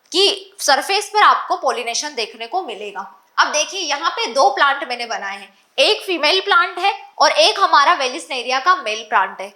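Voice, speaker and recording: Lady teaching biology, high bright voice, keeps asking then answering her own questions. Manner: repeats key points. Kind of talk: exam-focused lecture.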